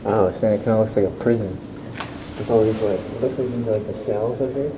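A young man exploring an abandoned school, talking in a relaxed way and thinking aloud with fillers. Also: fairly low pitch, fast talker. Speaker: urban explorer. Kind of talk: casual exploring chat. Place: inside a large abandoned school building. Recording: echoey hall with background noise.

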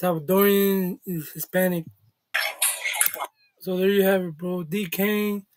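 This reaction host, a man in his thirties, sits at a desk in a small indoor room and chats in easygoing street slang. His high voice keeps fairly even intonation and an unhurried pace, with background noise present.

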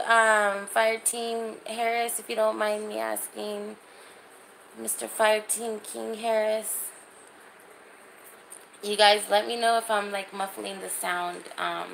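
Holding her phone at arm's length in a small room, this thirtysomething livestream host chats informally and responds to viewer comments. She speaks in a medium pitch that sounds creaky and slightly bright. Audio quality is rough, and faint background noise is present.

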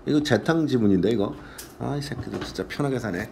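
A man teaching English to a class in a casual lecture, reading lines aloud slowly and translating them, blunt and crude, swearing and joking with his students. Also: medium pitch, animated, vocal fry, noisy background.

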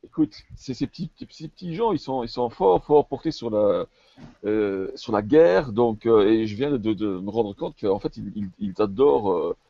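A man's voice: fairly low pitch, lively intonation, moderate pace, creaky, warm tone, no echo, dull audio. A man playing his character in a tabletop game over an online call, stammering and repeating himself. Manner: stammering, many repetitions. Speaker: player. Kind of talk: tabletop role-play.

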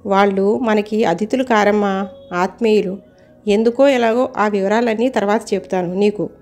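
A woman's voice: medium pitch, normal speed, a little mellow, faint music behind, natural voice. A woman reading as a worried, fond older father. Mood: earnest. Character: older father, warm, worried about his son.

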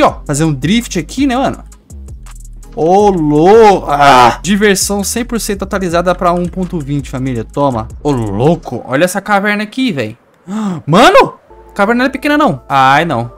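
Brazilian guy hyped up narrating his minecraft run, goofy catchphrases, jumps from squeals to mumbles, soft music under it. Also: sits high. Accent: Brazilian Portuguese. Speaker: gaming YouTuber. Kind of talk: Minecraft gameplay commentary.

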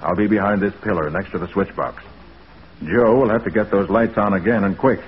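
A male actor with a fairly low voice gives a lightly acted turn as a quick-witted, confident American private eye from vintage radio drama, brisk and unflustered under threat. The mood is determined, heard through a muffled, hiss-laden old recording.

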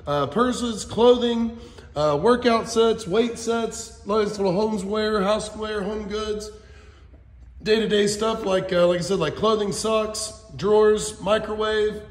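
Filming on a handheld phone, a man in his forties walks through auction goods live, listing items in a casual, folksy manner and calling his viewers "guys." His high-pitched voice echoes around a big warehouse hall.

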